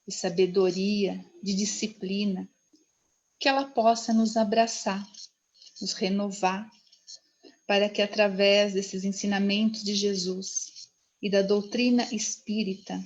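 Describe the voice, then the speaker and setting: A woman leading a spiritist group prayer in measured, solemn, reverent phrases. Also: mid-range voice, highs cut off. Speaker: prayer leader.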